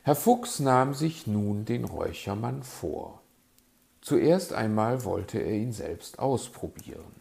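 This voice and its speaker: Male narrator reading a children's tale, slow and gravelly, with a lively melody. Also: lowish voice. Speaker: storyteller. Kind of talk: scripted narration of a children's story.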